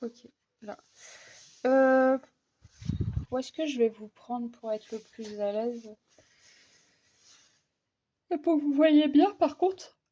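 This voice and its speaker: A woman's voice: sits high, takes it slowly, long pauses, mellow, lo-fi sound. A young woman chatting casually while coloring at her desk, hesitant and full of fillers and restarts. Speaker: vlogger. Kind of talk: casual coloring vlog chat.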